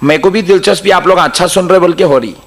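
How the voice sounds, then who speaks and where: A man preaching a sermon. He tells stories in a lively way, calls out to the congregation, and breaks into melodic chanted recitation. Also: sits high, fast.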